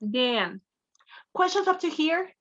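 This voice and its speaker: A woman's voice: high voice, big pitch swings, slow, fairly bright tone, muffled recording, slight background noise. A woman English teacher giving an online class, encouraging and prompting her students with repeated questions.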